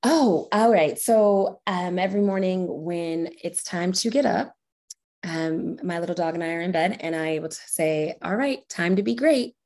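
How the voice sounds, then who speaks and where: A corporate strategy director appears as a podcast guest, talking casually and answering in an earnest, encouraging way. Her voice is fairly low and a little mellow, with a moderate pace.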